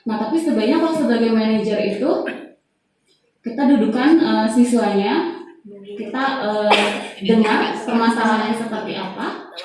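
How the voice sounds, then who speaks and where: A woman's voice: fairly high pitch, moderate pace, pauses often, slight background noise. A woman teacher presenting a training module to fellow teachers, talking casually with many fillers. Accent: Indonesian. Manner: chatty, many fillers, frequent soft laughs. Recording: very echoey room, voice far off.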